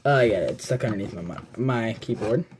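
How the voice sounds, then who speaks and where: A chatty vlogger talks through a desk setup in a casual, rambling way, often trailing off mid-sentence. The voice sits at a middle pitch. It is recorded on a phone in a small room with a faint hiss behind it. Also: fast, darkish tone. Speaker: channel host. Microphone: phone camera.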